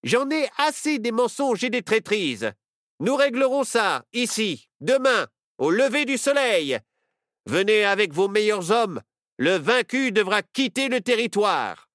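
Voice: medium pitch, very animated, slow pace, a bit bright, no echo, clean studio sound, pitched above the performer's own voice. A storyteller voicing a distrustful cowboy sheriff who barks orders. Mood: commanding. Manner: blustering, commanding, distrustful. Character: suspicious, gruff cowboy sheriff.

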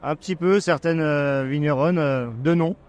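Soft-spoken man giving short answers. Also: on the high side, normal speed, dull audio. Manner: brief, agreeable answers. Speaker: teacher, event guest. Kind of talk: casual interview.

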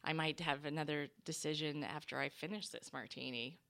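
A woman's voice: low voice, steady tone, a little fast, gravelly, a bit bright. A woman co-hosting a casual chat, playful and joking, laughing often. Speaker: co-host.

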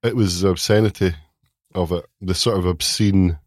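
A man co-hosting a podcast, delivering dry deadpan jokes with hesitant ums. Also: sits low, moderate pace, no echo. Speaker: podcast co-host. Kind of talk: casual chat.

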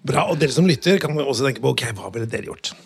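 A man's voice: medium pitch, lively intonation, gravelly, breathy edge. A man hosting a podcast, talking casually and hesitantly with many restarts. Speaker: podcast host. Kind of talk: casual interview chat. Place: studio in a city.

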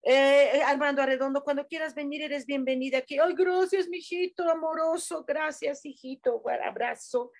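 This woman's voice is high-pitched and steady, at normal speed with few pauses, carrying a Mexican accent. As a livestream host, she reads viewers' comments aloud and offers affectionate, rambling angel messages, warm and chatty with plenty of fillers.

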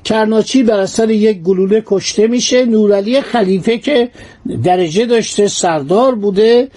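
High-voiced, mellow male history storyteller. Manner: lively narration mixing formal and colloquial speech.

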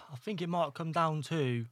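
A man's voice: on the high side, a bit bright, no room sound, studio quality. A man, a guest in a casual interview, speaking informally and calling the host mate. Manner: rapid, informal, says "mate" often. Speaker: guest, electrician and property investor.

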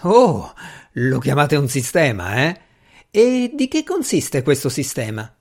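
A man voicing a confident, dismissive male magician in an audiobook, speaking in a brisk way. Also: fairly high pitch, huge pitch swings, full character voice. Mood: indignant.

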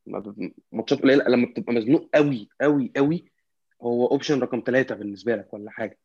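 Casting: Egyptian-accented man, quick but halting casual sports talker, dry, slightly muffled lo-fi sound. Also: mid-range voice, gravelly, darkish tone, slightly rough, dry recording. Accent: Egyptian Arabic. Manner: halting, repetitive, often searching for words. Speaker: football fan commentator. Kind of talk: casual football discussion.

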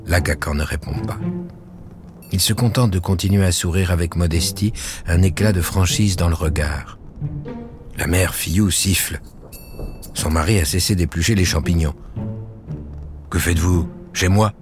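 A man narrating a story in a calm, measured storytelling voice. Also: deep voice. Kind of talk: scripted narration. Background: music.

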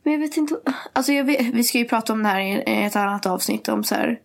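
A woman's voice: a little high, gravelly. Chatty young woman, a bit under the weather. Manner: chatty, animated storytelling with acted quotes. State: a little sick and tired. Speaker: podcast co-host. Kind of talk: casual chat, mixing Swedish and English.

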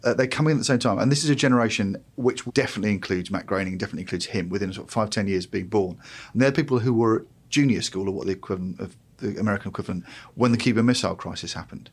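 A man's voice: fairly low pitch, very fast, husky. A man with a British accent, discussing culture discursively and slipping into imagined quotes as he explains. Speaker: panel commentator.

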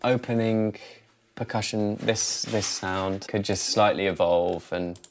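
A man's voice: lowish voice, fairly even intonation, slow. A man hosting a casual session in a music studio, encouraging and easygoing. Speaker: host. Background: music playing.

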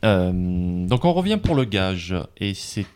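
A man hosting a casual podcast quiz, jovial and quick to laugh, pausing on fillers as he reads questions into a table microphone. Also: lowish voice, big pitch swings, darkish tone. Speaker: quiz host.

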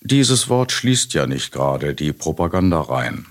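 A man's voice: a bass voice, sing-song, unhurried. A man co-hosting a news podcast, reading scripted commentary in a pointed, sardonic way. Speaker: podcast co-host.

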